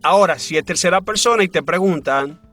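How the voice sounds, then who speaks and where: A man's voice: sits high, a bit bright, soft background music. A man teaching a grammar lesson in a scripted voice-over, explaining step by step and often asking questions before answering them. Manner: slow, deliberate explaining with rising questions. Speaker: English teacher.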